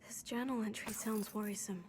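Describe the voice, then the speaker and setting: An actress voicing a young witch student, determined and curious, speaking in a measured, earnest way. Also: medium pitch, fairly even intonation, darkish tone, a little hiss or hum, close to an everyday voice. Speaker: player character. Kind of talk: game voice acting.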